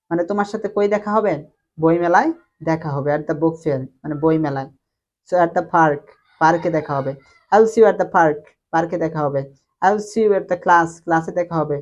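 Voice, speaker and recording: A woman's voice: deep voice, lo-fi sound. A woman with a Bengali accent giving a spoken English lesson, repeating each phrase and then translating it. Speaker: English teacher.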